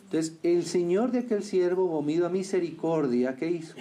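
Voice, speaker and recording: A man preaching a sermon who keeps asking his listeners questions and answering them, rising loud on key lines and dropping low and quiet on others. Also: normal speed, slight background noise. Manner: swings between raised emphatic lines and quiet low remarks.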